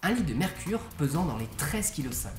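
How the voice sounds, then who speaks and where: A woman's voice: deep voice, big pitch swings, a little fast, darkish tone. A woman presenting science in a scripted explanatory narration. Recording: roomy echo under music.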